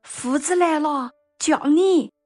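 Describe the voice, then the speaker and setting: A woman voicing Martha, a grieving, earnest sister who pleads urgently in a high voice. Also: slow, dark tone, faint music behind.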